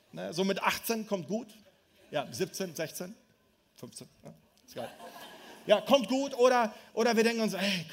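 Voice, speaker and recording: High-voiced animated male preacher. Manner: humorous and animated, addresses the congregation directly. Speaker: pastor. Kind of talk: lively sermon with stories.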